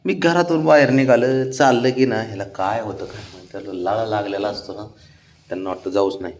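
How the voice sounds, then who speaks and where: A man's voice: fairly low pitch, brisk, a little mellow. A young man, coaxing and sweet-talking his pets in affectionate baby talk. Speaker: pet owner talking to his cats. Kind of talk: casual pet vlog, coaxing baby talk.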